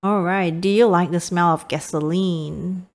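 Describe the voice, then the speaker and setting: A woman's voice: on the low side, fairly even intonation, a little slow. A woman co-hosting a podcast in casual chat, laughing often. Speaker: podcast co-host.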